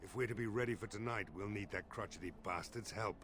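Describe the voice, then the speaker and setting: A man's voice: on the low side, fast talker, a bit bright, close to an everyday voice. An actor playing a worried, blunt middle-aged male village mayor in a fantasy game, talking in a weary, pleading way. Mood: weary urgent.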